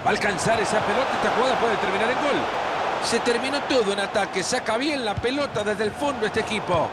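A man doing excited live football play-by-play, building to shouted, drawn-out goal calls. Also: high-pitched. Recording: noisy stadium broadcast with loud crowd.

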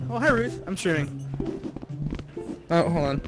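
A man's voice: fairly high pitch, expressive, measured pace, over music, poor audio. A man streamer in casual game voice chat, confused and laughing.

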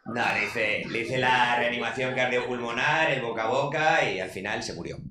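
A man's voice: medium pitch, normal speed. A man in his thirties with a Spanish accent doing a brash, crude stand-up comedy monologue, acting out quotes in put-on voices. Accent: Spanish from Spain. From Spain. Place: comedy club stage. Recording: echoey club with loud background noise.

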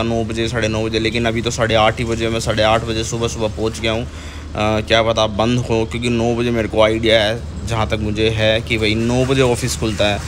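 Riding through city traffic, a young man chats casually to his viewers and points out the sights, his mid-range voice fairly bright. The motovlog is recorded outdoors on a helmet or chest camera mic, with wind, engine and traffic noise throughout.

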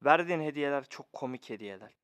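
A man's voice: mid-range voice, animated, fast talker, a bit bright, smooth, dry recording. A man ranting through a screen-recorded commentary on a mobile game, exasperated and firing off the same rhetorical questions to his viewers again and again. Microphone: phone recording.

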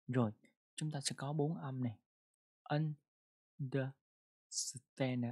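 An English pronunciation teacher in a casual online lesson, who repeats words and reads English example sentences slowly. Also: medium pitch, steady tone, darkish tone, breathy edge.

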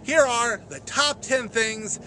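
This middle-aged sports vlogger speaks slowly at an extremely high pitch with a sharp tone, addressing a camera at close range in an open grassy field. The commentary is conversational yet emphatic, and the outdoor camera audio picks up noise.

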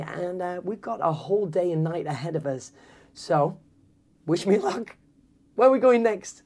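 A man's voice: fairly high pitch, a little mellow. Male, 30s, upbeat cruise director; enthusiastic, casual vlog presenting straight to camera. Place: aboard a cruise ship, in cabins, corridors and busy public decks.

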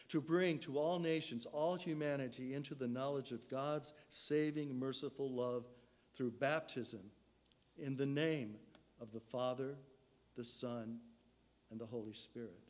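An older man delivers a sermon from a lectern in a church sanctuary. He speaks in slow, measured phrases, and his voice sinks and softens at the close of each line. He is picked up by a stand mic in the sanctuary. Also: mid-range voice. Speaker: preacher.

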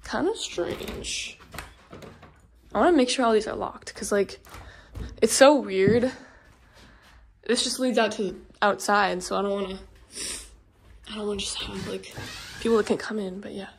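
A woman's voice: medium pitch, steady tone, a little slow, pauses often, slight background noise. A young woman chatting casually as she walks through an empty house, filming a tour vlog with frequent ums and likes. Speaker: vlogger.

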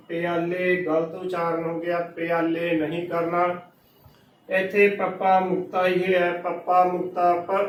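A man's voice: high-pitched, reverberant, distant mic, a little hiss or hum, poor audio. A man with a Punjabi accent teaching pronunciation, spelling out words letter by letter in a patient, corrective way. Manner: repeats each word letter by letter, patient and corrective. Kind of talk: slow methodical spelling-out lesson.

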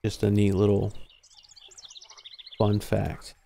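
A man's voice: lowish voice, monotone, slow pace, gravelly, mellow, dry recording. A young man casually explaining a fishing game as he plays it on a live stream. He talks into a headset mic and drifts into fillers and trailing thoughts. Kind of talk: casual live gameplay commentary.

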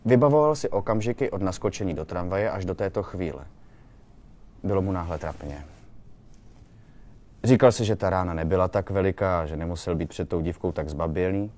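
A man reading a short story aloud in a calm, measured way. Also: low-pitched. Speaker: reader.

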